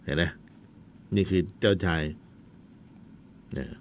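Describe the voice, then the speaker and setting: A man's voice: sits low, slow pace, slight background noise. A man teaching a history lesson in a chatty storytelling way, with asides to his students.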